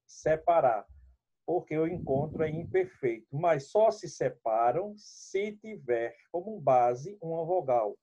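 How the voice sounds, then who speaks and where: A male teacher walks through his lesson at an unhurried, deliberate pace, turning to address his students directly as he explains each rule. His voice is slightly higher than most men's but mellow in tone. The recording is somewhat dull and lo-fi. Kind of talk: classroom lesson.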